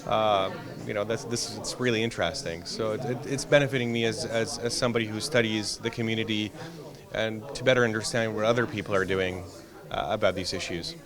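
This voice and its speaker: A man's voice: on the low side, fairly even intonation, a little fast. A man being interviewed at a conference as a historian, answering thoughtfully with frequent restarts and fillers. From Iraq, raised in Canada. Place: conference venue. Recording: crowd chatter behind.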